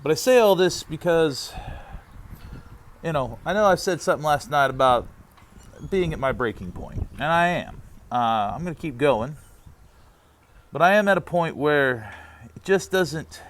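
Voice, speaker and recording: A man's voice: on the high side, expressive, unhurried, pauses often. Exasperated man venting over road noise. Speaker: vlogger on a long-distance walk. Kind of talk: candid personal venting monologue. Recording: noisy outdoors with vehicle sounds.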